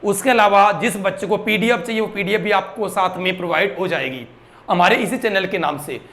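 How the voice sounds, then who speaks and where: A man's voice: high-pitched, brisk, a bit bright. A young man teaching a grammar lesson, asking his students questions and drilling the answers.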